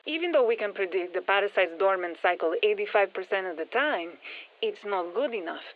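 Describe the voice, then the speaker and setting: In a video game, an actress voices a brisk, sharp-minded female scientist and engineer who briefs operators on the alien parasite she studies. Her mid-range voice carries a Spanish accent and sounds expressive yet matter-of-fact and technical. The processed, phone-quality audio resembles thin band-limited radio with some long hall reverb.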